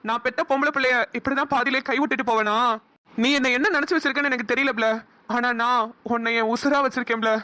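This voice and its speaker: A woman's voice: high-pitched, fairly even intonation, fast, bright, forceful tone. A woman voicing a devoted young village man in a cartoon, earnest and protective. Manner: earnest and pleading, scolds then reassures. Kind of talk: cartoon dialogue acting.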